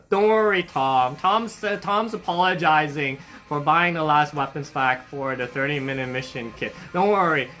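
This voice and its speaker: Taking things slowly, this young livestream host for a hobby shop has a sharp-toned, mid-range voice over soft background music. The chat is relaxed and cheerful, full of fillers and false starts, as they greet viewers by name, read out comments and gush with friendliness.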